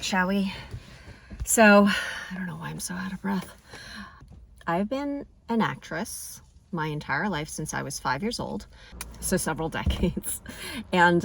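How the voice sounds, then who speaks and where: Chatty, bright-voiced woman vlogger. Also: sits low, slight background noise. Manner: chatty, self-deprecating, laughs often. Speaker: actress and vlogger. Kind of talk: casual vlog chat. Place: home, then car.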